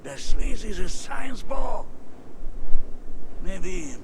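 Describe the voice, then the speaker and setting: Dying mouse mob boss in a game, high gravelly voice, real slow, ambience noise behind. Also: male voice, sing-song, full character voice. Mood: bitter, fading. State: dying, fading. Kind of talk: video game voice acting.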